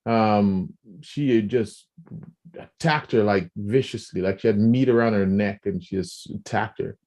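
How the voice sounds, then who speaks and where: A man co-hosting a podcast, talking in a casual, animated way, often restarting and repeating words and acting out quoted speech. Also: lowish voice, a little slow. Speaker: podcast co-host.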